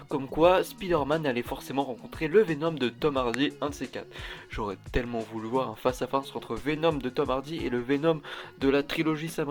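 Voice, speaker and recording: A man talking casually to camera as a vlogger, rambling and often restarting his sentences. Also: mid-range voice. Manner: rambling, with frequent restarts and asides. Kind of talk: casual chat.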